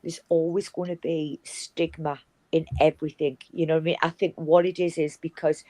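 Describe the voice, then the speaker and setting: A woman's voice: low-pitched, level tone, moderate pace, warm tone. A woman speaks on a casual livestream panel. Her voice sounds dry and close, with no room echo. She makes her case earnestly and urges the listener, often repeating herself.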